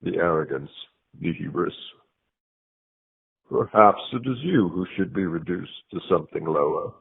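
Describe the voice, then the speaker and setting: A man's voice: deep voice, normal speed, creaky, slightly rough, full character voice. A man voicing a grandiose, deluded wrestler who believes he is divine, speaking with pompous theatrical menace. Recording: tinny phone voicemail.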